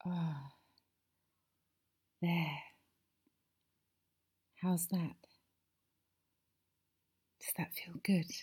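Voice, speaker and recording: A woman performing an ASMR audio roleplay as a masseuse, talking softly and soothingly and often slipping into whispers. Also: fairly low pitch, fairly even intonation, drawn-out words, pauses often, slightly rough.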